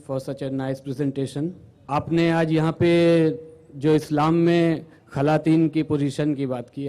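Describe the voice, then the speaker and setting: A man's voice: a little high, mellow. A man in the audience, a dentist, formally asking a question and restating it in English.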